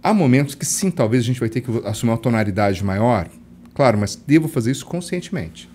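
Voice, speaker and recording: A man from Brazil, a leadership coach, explaining things quickly and acting out little dialogues as a guest. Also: medium pitch, slight background noise. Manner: quick, lively explainer who acts out dialogue. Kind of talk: casual interview chat.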